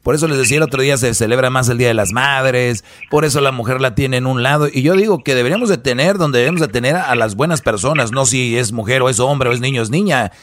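A man's voice: medium pitch, fast talker, few pauses, fairly bright tone, a little hiss or hum. A man hosting a radio advice show, talking conversationally and opinionatedly, repeating points and posing rhetorical questions.

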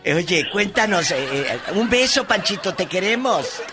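A man bantering as a morning radio co-host, his voice high and bouncing all over. He teases callers with quick playful quips while music plays underneath. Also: animated. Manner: teasing, laughing, playful interjections.

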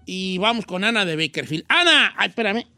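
A man's voice: high-pitched, sing-song, a little fast, pushed and bright, no echo, soft background music. A man hosting a radio show, teasing and joking in slangy banter.

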